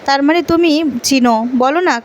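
A woman's voice: high voice, fairly quick, lo-fi sound, close to an everyday voice. A woman reading out the lines of an adult son who keeps pressing his family with repeated questions.

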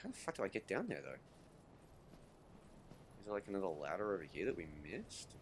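Rambling male gamer host, lowish voice with lively pitch, light game noise behind. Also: brisk. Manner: rambling, swears casually, trails off into mumbles. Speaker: let's play host playing the game. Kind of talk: casual gameplay chat.

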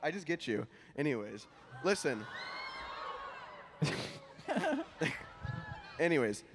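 A man's voice: medium pitch, takes it slowly, a crowd in the background, noisy background. A man in his twenties co-hosting a podcast live on stage, asking the guests playful questions into a handheld mic. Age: 20s. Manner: lively, asks playful questions. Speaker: podcast co-host. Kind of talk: casual chat on a live stage. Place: convention stage before a live audience.

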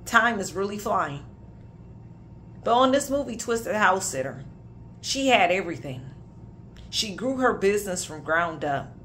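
A woman's voice: mid-range voice, very animated, unhurried, pauses often, fairly bright tone, a little hiss or hum. Emphatic preaching woman in her thirties. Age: 30s. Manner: emphatic preaching with casual asides. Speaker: minister. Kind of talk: prophetic sermon to camera.

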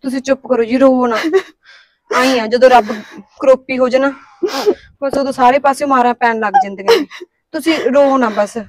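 A woman voices a kind-hearted young Punjabi daughter-in-law. She talks fast in a high voice and stands her ground when pressed. The recording is close and dry. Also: a little mellow, dry recording, lightly acted. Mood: consoling. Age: young adult. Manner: quick, earnest, talks back. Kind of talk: village family drama acting.

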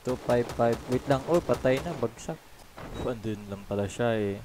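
A young man from the Philippines, a gaming streamer, chatting casually and shouting excited callouts while he plays. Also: mid-range voice, moderate pace, background noise. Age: 20s. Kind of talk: casual gameplay chat.

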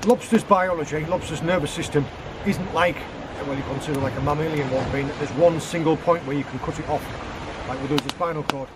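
The speaker, a man in his thirties with a steady, higher-pitched voice, talks a little fast amid background noise. As a guest forager on a rocky beach, he demonstrates cooking, handling the seafood himself and explaining the preparation step by step in a relaxed way.

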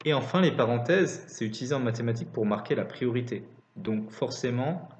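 A man delivers a scripted maths lesson, dictating calculations piece by piece. His mid-range voice is expressive and a little fast, and the recording sounds roomy and slightly dull.

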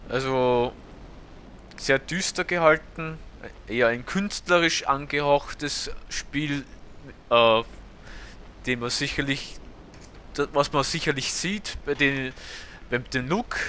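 A man's voice: medium pitch, slow pace, sharp tone, a little hiss or hum. A man, casually commentating a video game as a let's play host, hesitant and full of fillers. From Austria. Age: 30s. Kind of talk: gameplay commentary.

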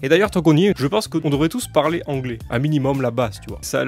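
Fast-talking slangy young Frenchman. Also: a little high, expressive, faint music behind. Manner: chatty, slangy, swears casually. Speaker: YouTuber. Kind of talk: casual vlog monologue.

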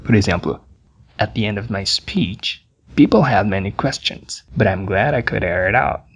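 Brief: male Brazilian English tutor, low husky voice, deliberate drilling delivery. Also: expressive. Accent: Brazilian Portuguese. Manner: repeats English phrases slowly and carefully. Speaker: English teacher. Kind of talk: scripted language lesson.

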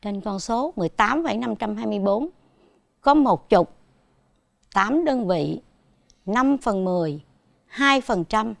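A woman's voice: medium pitch, lively intonation, a little slow, gravelly, long pauses, dry recording, studio quality. A woman with a Southern Vietnamese accent teaching a televised primary school math lesson, patiently asking her pupils questions as she goes.

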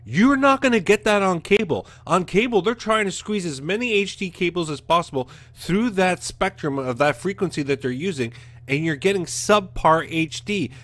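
Bright and high-voiced, this fortysomething Canadian host lets loose with a blunt, casual rant to camera, speaking expressively at a moderate pace. He uses a studio mic in front of his webcam at home in the living room, and the recording is dry.

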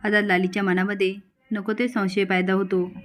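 A woman narrating a casual recap of a TV serial episode, telling the story briskly and reading the characters' lines with little acting. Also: medium pitch, level tone, faint music behind.

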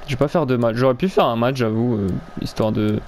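A man's voice: mid-range voice, a little fast, darkish tone, slight background noise. A young man chatting casually while playing a video game, rambling, stumbling over his words and swearing now and then. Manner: crude slang and swearing. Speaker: gaming video creator.

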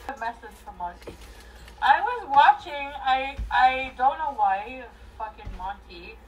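A drunk woman in her thirties rambles and swears casually to livestream viewers from a small indoor bedroom, emotional and volatile as she swings between crying, laughing and shouting. Her voice sits high with lively intonation and an unhurried pace. She is far from the mic, and the recording is muffled with a little hiss or hum.

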